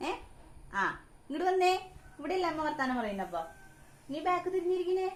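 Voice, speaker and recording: A mother with a Kerala Malayalam accent, talking in a home vlog. She coaxes her young son in a sing-song voice and calmly explains things to the viewers. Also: very high-pitched, brisk. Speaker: mother of the vlog's child. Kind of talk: casual home vlog talk with her child.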